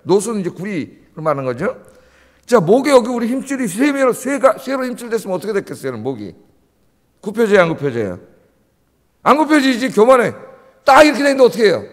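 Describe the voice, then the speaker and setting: A male pastor preaches with a lively, swooping delivery, pressing the congregation with rhetorical questions. His voice sits high for a man and rings out with a long church reverb. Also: fairly quick. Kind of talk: early-morning sermon. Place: church sanctuary.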